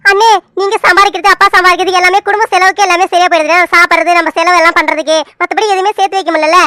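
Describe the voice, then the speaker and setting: A sensible young daughter in a cartoon, voiced by a woman, explains herself patiently and earnestly. Her voice is very high and bright, and the sound is close and dry. She talks quickly. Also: fairly even intonation, no echo.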